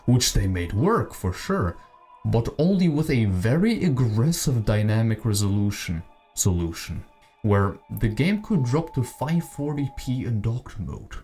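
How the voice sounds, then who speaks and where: A channel host delivers a video essay on games, offering opinionated, speculative commentary in a conversational tone. His voice is medium in pitch with big swings, a little slow, and darkish in tone. Music plays behind him.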